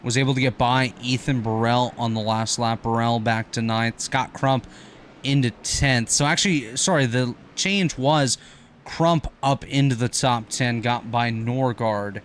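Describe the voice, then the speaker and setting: A man calling an online racing broadcast as play-by-play commentator, talking quickly and correcting himself on the fly. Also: mid-range voice, slight background noise. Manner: rapid, energetic play-by-play with quick self-corrections.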